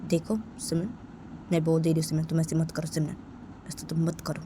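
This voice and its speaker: A woman voicing a gentle young woman who soothes her partner in a soft, coaxing voice that drops near a whisper, in a homemade storytelling video. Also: sits low, monotone, a little fast, slight background noise, voice pushed down, close to an everyday voice. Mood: pleading.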